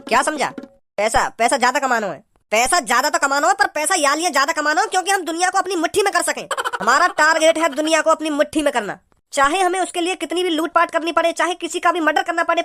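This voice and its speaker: Someone doing a fast, high-pitched bossy gang leader. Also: bright, forceful tone. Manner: domineering, scolding, crude. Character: bossy, greedy thief gang leader and stern father.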